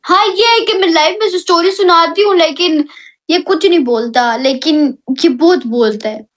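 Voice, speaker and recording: A woman with a very high voice hosts a casual live-stream chat. She complains in a heated, animated way and hammers her points home by saying them again and again. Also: normal speed. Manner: repeats herself for emphasis.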